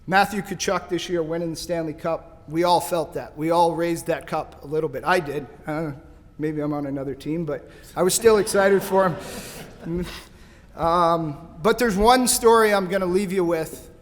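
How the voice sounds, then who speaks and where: With a slightly high voice at normal speed, a man from St. Louis, USA, tells stories and jokes loosely through a thankful hall of fame acceptance speech. He stands at a podium microphone in a banquet hall, and hall reverb is audible.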